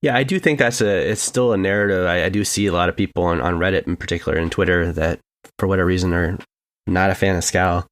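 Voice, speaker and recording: A man co-hosting a casual sports podcast, joking and stumbling over his words as he talks. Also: deep voice. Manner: fast, joking, stammers and repeats himself. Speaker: podcast co-host.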